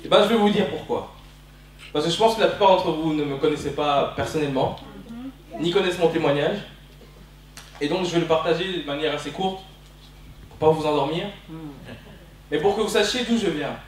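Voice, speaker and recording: During a church hall service, a Belgian man in his twenties preaches with passion and emphasis, returning again and again to repeated phrases. His voice is on the high side and brisk, broken by long pauses. The recording comes from a distant microphone in a very echoey hall.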